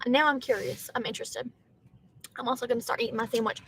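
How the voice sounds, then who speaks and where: A woman's voice: a little high, fairly even intonation, fast, slight background noise. A young woman with a Southern accent, chatting casually to her livestream from a car and reading viewer comments aloud. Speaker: livestreaming gig driver.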